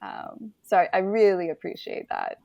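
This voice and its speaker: A woman's voice: lowish voice, wildly swooping pitch, moderate pace, vocal fry, dark tone, no echo. A woman born in Taiwan hosting a casual conversation, talking loosely with many fillers and affirmations. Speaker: host.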